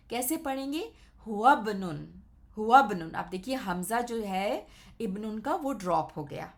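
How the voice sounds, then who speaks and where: A woman gives an Arabic grammar lesson in a patient, step-by-step way, pausing often to check that her listeners follow. Her voice has a gravelly edge and sits at an ordinary middle pitch. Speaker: Arabic teacher.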